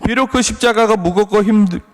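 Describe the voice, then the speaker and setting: A pastor preaching an earnest sermon, asking repeated rhetorical questions. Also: male voice, high-pitched, a little fast. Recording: long reverb.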